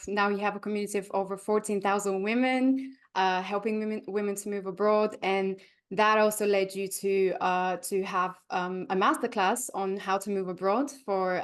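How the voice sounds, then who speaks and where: Hesitant woman podcast host. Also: mid-range voice. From Bulgaria. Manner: hesitant, many fillers and restarts. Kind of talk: casual podcast interview.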